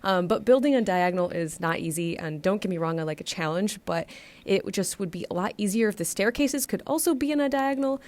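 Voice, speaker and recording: A woman's voice: mid-range voice, animated, fairly quick, darkish tone. An American woman with a congested, blocked-nose sound, a little short of breath, giving a chatty, casual voiceover commentary. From United States. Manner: chatty, rambling. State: getting over bronchitis, stuffed nose, short of breath. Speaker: gaming video creator.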